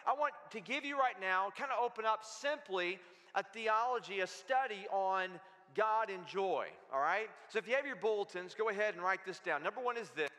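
A pastor preaching an energetic sermon in a church, calling out to the congregation for answers. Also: male voice, high voice. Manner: energetic, calls out to the congregation for responses. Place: church sanctuary. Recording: long hall reverb in a church.

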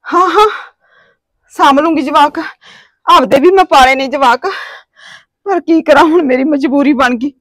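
A woman plays a young Punjabi wife who has been turned out of her home. She pleads in a high, tear-choked voice. The sound is close and dry. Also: moderate pace, long pauses, fairly bright tone, no echo. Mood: pleading. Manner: pleading, sobbing. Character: tearful homeless wife begging for work. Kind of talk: village family drama acting.

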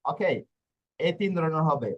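A man's voice: on the high side, expressive, unhurried, muffled recording. A male teacher giving an online language lesson, repeating and rephrasing his points as he goes.

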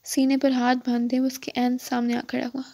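A woman narrating a novel as an audiobook, in a steady storytelling read. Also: high voice.

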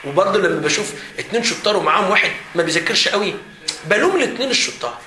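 A man with an Egyptian Arabic accent leading a seminar for students as their teacher, animated and joking, often laughing as he talks. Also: sits high, very fast. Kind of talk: lively seminar talk to students. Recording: echoey hall with faint background noise.

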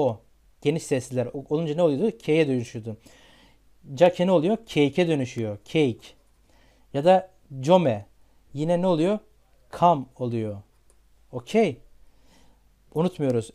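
Mellow-voiced male English teacher. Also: a little high. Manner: repeats questions and checks with "tamam mı". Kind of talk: beginner pronunciation lesson.

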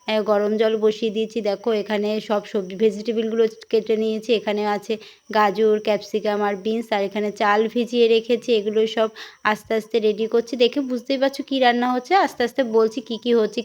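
A woman's voice: a little high, lo-fi sound. A young woman vlogger chatting through her day and a recipe, talking viewers through each step. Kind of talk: cooking vlog voice-over.

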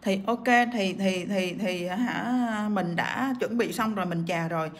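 A woman's voice: mid-range voice, a little slow. A woman with a cough teaching nail art on a livestream, chatting as she works and reading out viewer comments. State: sick with a cough.

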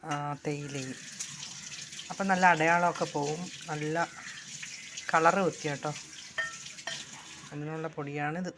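A woman's voice: low-pitched, fairly even intonation, measured pace, long pauses, noisy background. A middle-aged woman chatting casually through her evening chores for a home vlog, explaining each step to viewers. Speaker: homemaker vlogger.

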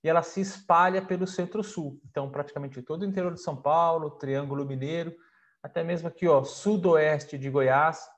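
A man's voice: a little high, fairly even intonation, brisk. A man in his thirties from Brazil, an agrometeorologist presenting the weather forecast over maps in a conversational way, speaking over a video call from a room at home. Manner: conversational, with frequent pointing fillers.

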